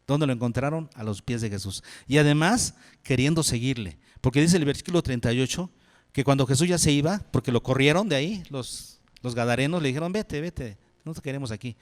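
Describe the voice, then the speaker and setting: A man preaching as pastor, asking questions and answering them himself, dropping low and soft on key phrases. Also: fairly quick. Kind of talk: sermon. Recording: long hall reverb.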